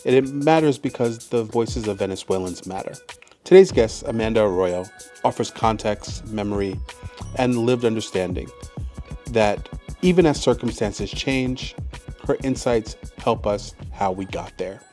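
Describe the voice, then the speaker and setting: A man's voice: on the low side, unhurried, mellow, soft background music. A man hosting a history podcast, reading a scripted intro, then asking loose questions with fillers. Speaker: podcast host.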